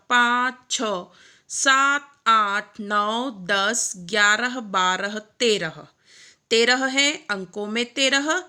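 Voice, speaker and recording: A woman's voice: a little high, bright, forceful tone. A woman teaching a primary class, counting pictured objects aloud and spelling out each number word letter by letter. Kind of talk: online lesson.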